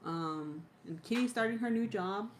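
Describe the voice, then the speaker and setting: A woman's voice: mid-range voice, moderate pace. A woman chatting casually as co-host of a live stream. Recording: clearly noisy, with room ambience.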